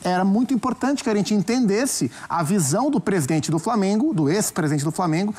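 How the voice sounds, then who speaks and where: A man with a Brazilian accent giving his view as a commentator in a studio sports debate, measured and often restarting phrases as he thinks. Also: high voice, expressive, darkish tone, breathy edge. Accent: Brazilian Portuguese.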